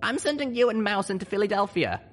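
In a story reading, a narrator voices an earnest, determined young female pony leader, speaking solemnly, urgently, and commandingly as if making a speech. The voice is mid-range, husky, and pushed up, with an animated, quick pace.

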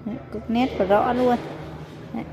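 High-voiced woman giving a hard-sell pitch. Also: fairly even intonation, normal speed, noisy background. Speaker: online shop seller. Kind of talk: informal product sales pitch.

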